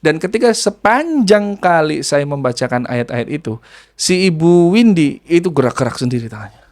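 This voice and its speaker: A man's voice: fairly high pitch, sing-song, normal speed, a little mellow. A man telling a ruqyah healing story in casual storytelling, acting out the voices of the people in it.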